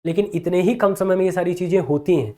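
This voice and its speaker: A man's voice: sits high, fast talker, warm tone. A male teacher with a Hindi accent gives exam advice to students in an encouraging tone. He keeps checking in with them through a repeated "theek hai na". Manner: encouraging, repeats "ठीक है ना" often.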